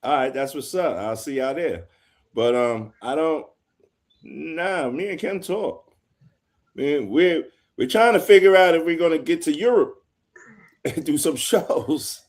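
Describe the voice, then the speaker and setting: A man's voice: a little high, expressive, measured pace. A man in his fifties, a guest producer telling stories in an easygoing, casual interview chat. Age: 50s.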